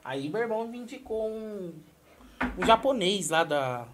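A man's voice: high voice, animated, a little slow. A man, a comedian, telling a stand-up joke in casual chat and saying "mano" a lot.

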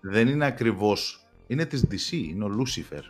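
A young man co-hosts a podcast, chatting casually about TV series in a rambling way full of restarts and fillers. His voice is lowish with lively intonation and a breathy edge, and soft music plays in the background.

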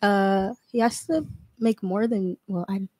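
A woman, a podcast guest giving halting, hesitant answers. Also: mid-range voice, steady tone, a little mellow, no room sound, studio quality. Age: 20s. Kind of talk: casual panel chat.

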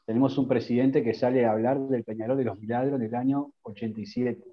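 A man with a Uruguayan accent, discussing football in a measured way on a casual podcast. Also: mid-range voice, fairly even intonation, highs cut off, crowd noise. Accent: Uruguayan Spanish. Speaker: podcast panelist. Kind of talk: football analysis chat.

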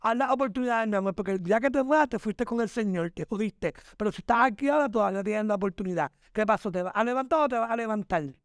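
Man, high voice, dry close mic, dramatic pep-talk guest. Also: fast, hardly any pauses, dry recording. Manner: emphatic, preachy, dramatic, addresses listener as "mi amor". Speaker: podcast guest, entertainer. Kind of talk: motivational podcast conversation.

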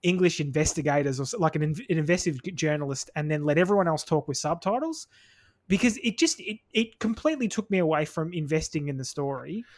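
Man co-host, fairly high voice, animated and opinionated, casual review chat. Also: fast. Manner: animated, opinionated, acts out quotes. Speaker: podcast co-host.

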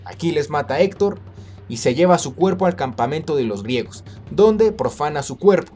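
A man retelling an ancient epic in casual, slangy, lively narration. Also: mid-range voice. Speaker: storyteller.

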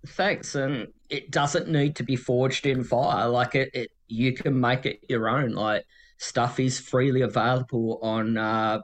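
A man's voice: medium pitch, steady tone, unhurried. A man with a Tasmanian Australian accent chatting casually as an interview guest, rambling and self-deprecating.

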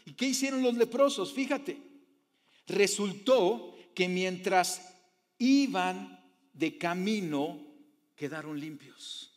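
A male pastor preaches in a high-pitched voice, his words trailing in the long reverb of a church hall. He drops to soft low phrases, then rises to loud emphatic ones, and keeps putting questions to his congregation. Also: expressive, slow. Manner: asks the audience frequent rhetorical questions. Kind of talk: sermon.

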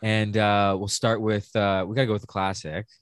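Man, lowish voice, podcast co-host, casual joking chat, slangy, dry sound. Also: flat delivery, moderate pace, clean tone, no echo.

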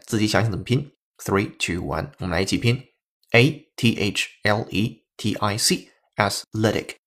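A man hosting a podcast English lesson, explaining step by step and spelling words out letter by letter. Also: medium pitch. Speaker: English teacher.

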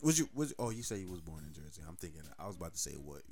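A man hosting a live call-in podcast, talking in a loose, excitable, slangy, rambling way. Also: sits low, racing. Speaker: podcast host. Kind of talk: casual live call-in chat.

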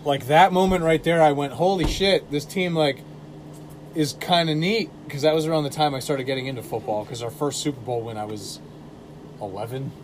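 A man in his twenties hosting a podcast, talking in a loud, joking, profane way and laughing often. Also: a little high, steady tone, normal speed, a little hiss or hum. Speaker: podcast host. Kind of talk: casual profane chat.

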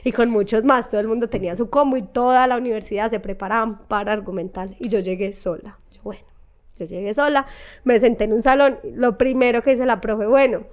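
Woman, Medellín accent, young adult, interview guest, animated storytelling, fairly high voice. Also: a little fast. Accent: Colombian, Medellín. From Colombia. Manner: animated, acts out quoted voices. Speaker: guest, assistant director.

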